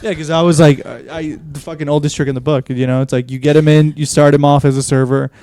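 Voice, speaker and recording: A man co-hosting a casual podcast, cracking jokes and chiming in loudly. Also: on the high side, fairly even intonation, fast talker, no room sound, studio quality. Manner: joking, loud interjections. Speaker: co-host.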